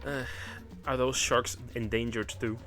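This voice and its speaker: A man's voice: mid-range voice, fairly even intonation, measured pace, fairly bright tone. A man streaming a game live, chatting casually and asking rambling, curious questions, with game music in the background. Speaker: VTuber streamer. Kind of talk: casual live gameplay commentary.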